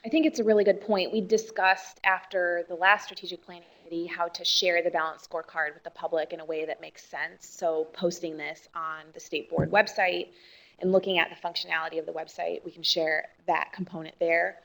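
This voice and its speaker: A woman's voice: on the low side, flat delivery, a little fast, gravelly, fairly bright tone, poor audio. A woman on the board staff explaining plans at a formal meeting and correcting herself as she goes.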